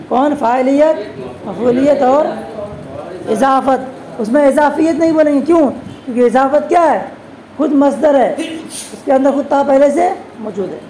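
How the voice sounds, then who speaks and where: A woman teaching a classroom grammar lesson, constantly posing quick questions to her students and answering them herself. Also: high voice, dark tone, a little hiss or hum, poor audio. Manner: addresses students as "beta". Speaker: religious teacher.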